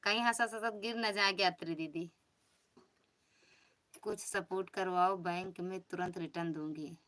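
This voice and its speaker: A woman's voice: fairly low pitch, fairly even intonation, measured pace, a bit bright. A woman with an Awadhi accent hosting a casual live stream from home, chatting and teasing as she greets each viewer by name. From Uttar Pradesh, India.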